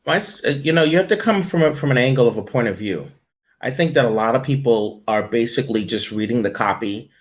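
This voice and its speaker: In a casual interview, a middle-aged voice-over coach recounts stories with animation, acting out his booth directions. His mid-range voice moves at a brisk pace.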